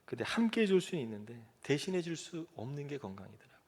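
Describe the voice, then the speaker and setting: A man's voice: a little high, big pitch swings, fast talker, a little mellow, a little hiss or hum. A middle-aged male pastor preaching a sermon, telling a personal story in a conversational, self-deprecating way with light laughter. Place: church sanctuary.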